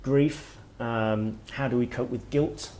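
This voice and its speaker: A middle-aged man, an author giving a workshop talk, speaking in a reflective, halting way as he thinks aloud. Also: mid-range voice, fairly even intonation, darkish tone. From Wales. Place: workshop room with listeners.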